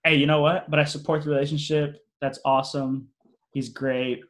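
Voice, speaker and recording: A man's voice: a little high, little pitch movement, normal speed. A young man hosting a casual podcast, rambling with many fillers and restarts and using slang like "yo" and "y'all". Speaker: podcast host.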